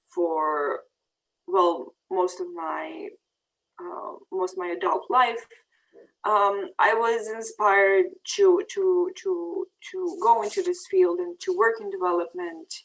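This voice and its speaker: A woman's voice: fairly low pitch, rough recording. A woman in her thirties from Bosnia and Herzegovina, giving a presentation over slides with many ums and restarts. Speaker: peace fellow giving a presentation. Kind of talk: prepared talk over slides.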